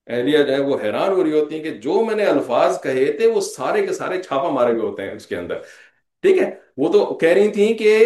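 A man's voice: fairly high pitch, a little mellow, echoey room. Man giving a lecture. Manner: conversational, repeats "theek hai" as a check-in; mixes English phrases into speech. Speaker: religious lecturer. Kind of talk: Islamic lecture.

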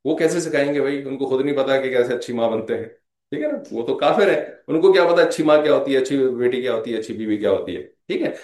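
Talking fast and animatedly in a mid-range, slightly mellow voice, a religious lecturer delivers an Islamic talk in an echoey room. His style is conversational, sprinkled with English phrases, and he says "theek hai" after almost every point to check in with his audience.

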